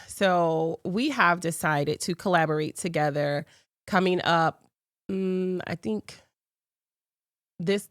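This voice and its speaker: A congested woman hosts her talk show in a casual, chatty way. Her voice sits low and the sound is dry and close. She talks straight to her viewers. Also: dry recording. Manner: chatty, addresses viewers directly.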